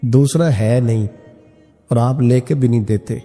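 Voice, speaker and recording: A male preacher voicing a gentle wife and mother who softly pleads with her husband. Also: mid-range voice, voice pushed down, natural voice. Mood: pleading. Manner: soft, placating. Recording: long hall reverb with music.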